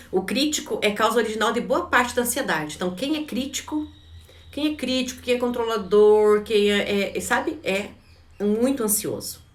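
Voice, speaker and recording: Brazilian woman teaching in a roomy, distant recording. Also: mid-range voice. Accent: Brazilian Portuguese. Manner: conversational, tags nearly every phrase with a questioning "né?"; frequent restarts and repeated words. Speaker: behavioral coach. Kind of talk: live online class, answering chat.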